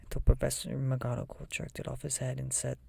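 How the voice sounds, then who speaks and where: Soft whisper, ASMR audiobook reading, dark mellow tone, flat intonation, breathy murmur. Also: medium pitch, brisk, no room sound. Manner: soft whisper, often voiceless. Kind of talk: whispered ASMR reading of a children's fantasy novel.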